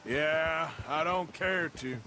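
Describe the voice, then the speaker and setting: Taking his time in a slightly high voice, a male actor plays a wary outlaw with dry humor and a Western drawl. It's cutscene voice acting for a game character, with music playing beneath it.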